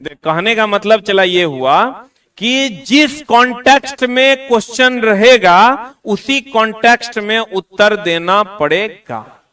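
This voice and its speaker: This exam-coaching teacher speaks slowly in a high, expressive voice that's bright, forceful and clean, picked up from some distance away. During his classroom lecture he ribs and scolds students using slang.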